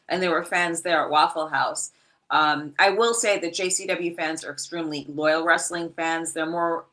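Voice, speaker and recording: A woman's voice: lowish voice, pushed and bright, rough recording. A middle-aged woman guest chatting casually on a wrestling podcast, brash, joking and candid.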